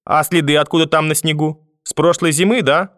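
Man voicing a shrill scolding old grandmother. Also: fairly even intonation, a little fast, dry recording, studio quality, natural voice. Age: older. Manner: shouting insults, high and loud. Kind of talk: audiobook character voice.

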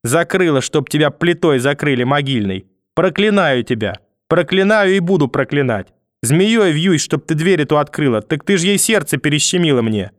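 A shrill, hysterical old grandmother, put on by a man reading an audiobook, wailing and pleading one breath and spitting curses the next. Her voice sits a little high and bone-dry, close to the mic with no room around it. She is manipulative and bitter. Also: animated, normal speed, no room sound, close to an everyday voice. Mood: bitter cursing. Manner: wailing, pleading then cursing through a door.

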